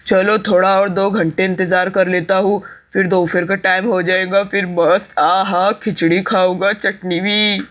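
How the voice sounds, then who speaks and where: A lazy, cowardly young village son from a doll story, played by a man, always grumbling about his mother. His voice is notably high for a man, with a whiny, complaining manner. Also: flat delivery, a little slow, few pauses, fairly bright tone.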